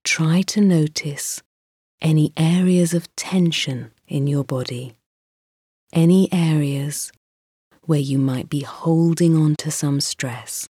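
A woman guiding a mindfulness meditation in a slow, soft, soothing voice with pauses. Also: low voice, slightly rough, no echo, studio quality. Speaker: meditation guide.

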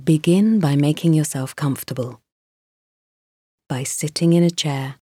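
Woman meditation guide, low and warm, breathy softness, dry close voice-over. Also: no echo. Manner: slow, soft and soothing, with pauses.

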